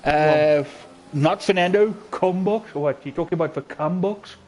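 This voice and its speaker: A man's voice: on the high side, a little slow, a little mellow. A South African man with an Afrikaans accent, giving casual live commentary on a sim racing stream. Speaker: esports race commentator.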